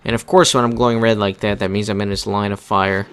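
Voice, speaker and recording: A young man with a fairly low voice gives laid-back commentary on his gameplay. He talks casually and colloquially over slightly noisy game ambience. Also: little pitch movement, quick pace. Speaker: gamer narrating a playthrough.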